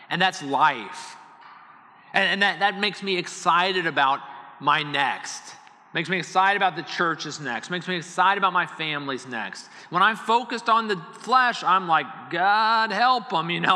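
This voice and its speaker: A middle-aged male pastor delivers a sermon in an earnest, conversational manner, often circling back and repeating words. His voice sits fairly high and sounds strikingly bright and forceful. The sound carries a long reverb from a large church hall. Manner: earnest, conversational preaching with many repetitions.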